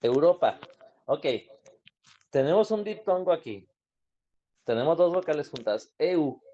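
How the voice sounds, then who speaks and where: A man's voice: on the high side, expressive, measured pace, dark tone. A man teaching an online grammar class, explaining patiently and asking students questions. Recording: dull lo-fi online class audio.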